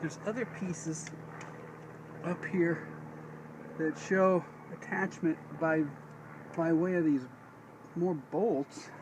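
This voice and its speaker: Slow and fairly even in intonation, with long pauses, this slightly high male voice belongs to a middle-aged DIY demonstrator. He thinks aloud folksily while doing a casual hands-on how-to in a parked Jeep, recorded noisily on a handheld device.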